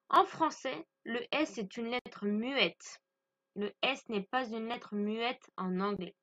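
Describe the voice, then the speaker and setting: Woman teacher, native French, slow and patient, bright tone, dull lo-fi recording. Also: a little high. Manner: patient, repeats key points and checks "d'accord?". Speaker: English teacher. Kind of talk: beginner English lesson.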